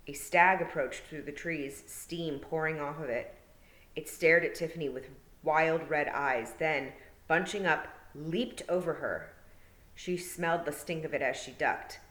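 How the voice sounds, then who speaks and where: Casting: low-voiced woman teacher, measured storybook narration, roomy echo. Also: fairly bright tone. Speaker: teacher reading aloud. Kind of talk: storybook read-aloud narration. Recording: roomy, echoey room.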